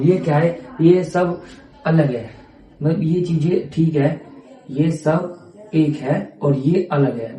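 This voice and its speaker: A man's voice: fairly high pitch, mellow. Repetitive male teacher in an echoey room. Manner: repeats items aloud, keeps asking "ठीक है". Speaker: reasoning teacher. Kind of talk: exam-prep lesson.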